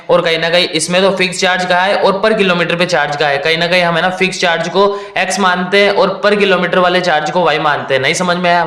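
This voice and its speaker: A young man teaching a maths lesson in a casual mix of Hindi and English, reading each question out slowly and walking students through it step by step. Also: on the high side, bright, forceful tone, roomy sound.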